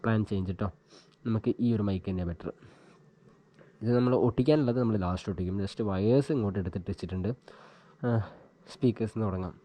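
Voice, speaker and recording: A man with a low, dark-toned voice talks fast but pauses often while casually demonstrating an installation. The vlogger thinks aloud informally, captured by the action camera on his helmet.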